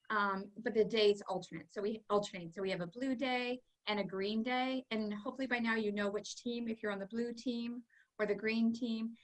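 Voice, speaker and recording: A woman's voice: fairly high pitch, low-quality recording. A woman from Canada, a kindergarten teacher, hosting a virtual back-to-school night for parents in a cheerful, chatty way. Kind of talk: upbeat presentation to parents.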